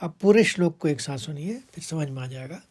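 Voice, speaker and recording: A woman teaching how to recite a Sanskrit verse, chanting each line slowly and then explaining it step by step in quick asides. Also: sits low, darkish tone. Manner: patient, step-by-step instruction.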